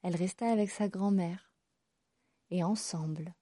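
A woman narrates a fairy tale aloud with an expressive storybook manner. Her voice is mellow and slightly husky. The sound is dry and close. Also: lowish voice, unhurried, dry recording.

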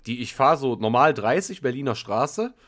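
Young man, casual chat, quick reactor, mid-pitched and expressive. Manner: chatty, reacts with short interjections.

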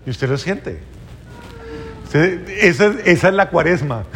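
Male preacher, higher-pitched, gravelly; earnest sermon delivery that quizzes the congregation. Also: expressive, a bit bright. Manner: slow, earnest, asks the congregation questions.

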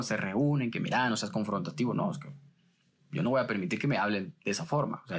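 A man journalist, telling stories in a casual interview and acting out the exchanges he describes. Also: fairly low pitch. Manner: lively retelling that acts out quoted exchanges.

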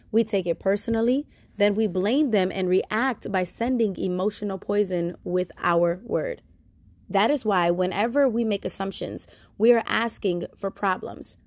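A woman reading a self-help book chapter aloud in a steady, measured way. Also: medium pitch, no echo. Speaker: reader.

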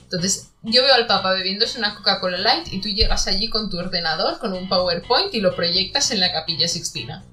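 Woman, bright forceful voice, playful podcast chat, faint guitar behind. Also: medium pitch, brisk. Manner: playful, imaginative, laughs often. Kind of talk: casual chat.

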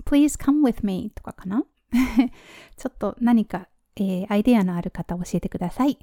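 A middle-aged woman, an operating room nurse, giving a chatty language lesson and leading pronunciation drills with slow, careful model phrases. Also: mid-range voice, mellow, dry recording, studio quality.

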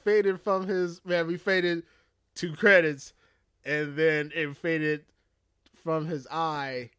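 A man with a slightly raised pitch keeps cutting in with jokes and laughs while talking over a film. The sound is close and dry, with no room around it. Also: fairly even intonation, takes it slowly, fairly bright tone, clear, resonant tone, no echo. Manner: laughs often, chimes in and jokes. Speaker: podcast co-host. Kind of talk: casual movie recap chat.

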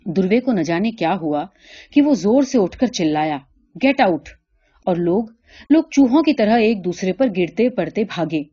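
A woman reads a literary story aloud in a calm, measured way. Her tone is mellow and dark, and the recording sounds slightly dull and lo-fi. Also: medium pitch. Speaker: narrator. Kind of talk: story reading.

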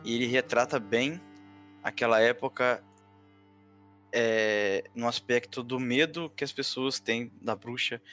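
A man co-hosts a relaxed film review, his speech loose and full of slang. His pitch sits in the middle range, and faint music plays underneath. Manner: slangy and laid-back, animated when joking. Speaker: co-host of a film review show. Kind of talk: casual chat.

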